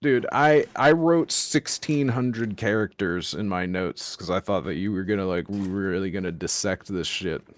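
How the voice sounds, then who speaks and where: A man's voice: low-pitched, unhurried, hardly any pauses. An American man in casual chat, explaining things in detail and pressing his point. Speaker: podcast co-host. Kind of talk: casual chat about card games.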